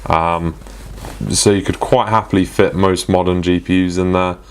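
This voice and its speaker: A man's voice: sits low, steady tone, moderate pace, slight background noise. A young man presenting a casual tech product review, chatty and full of ums and restarts.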